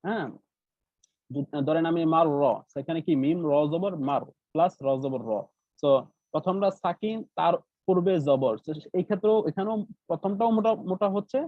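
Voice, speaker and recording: A man's voice: sits high, fairly quick, no room sound. A man teaching Quran recitation rules in an online class with a Bangladeshi Bengali accent, explaining step by step and often checking that students follow. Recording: dry tinny call audio.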